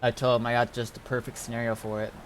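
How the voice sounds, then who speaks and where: A streamer who also admins a server chats casually over gameplay, rambling, hesitant and repeating himself. His medium-pitched voice is level in tone and fast, with slight background noise.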